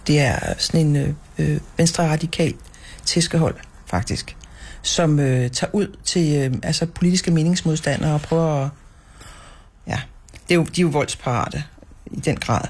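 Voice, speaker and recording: A political activist answering interview questions haltingly, with many restarts. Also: mid-range voice, a little mellow, husky.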